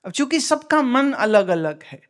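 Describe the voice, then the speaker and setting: A woman's voice: a little high, sing-song, measured pace. A woman spiritual teacher giving a discourse, explaining with homely examples, asking her listeners questions and mixing in English phrases.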